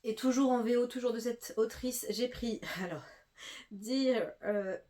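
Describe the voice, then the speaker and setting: A woman's voice: on the high side, a little slow, mellow. Young female booktuber, stuffy nose, casual filler-heavy chat. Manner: chatty, many fillers and restarts. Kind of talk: casual book haul chat.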